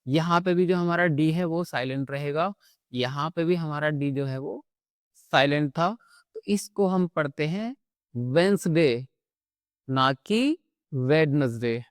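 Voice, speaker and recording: A man teaching phonics in a patient classroom manner, pausing often to check in before he moves on. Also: fairly high pitch, no echo, clean studio sound. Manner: patient, repeats "theek hai" between points. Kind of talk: classroom-style phonics lesson.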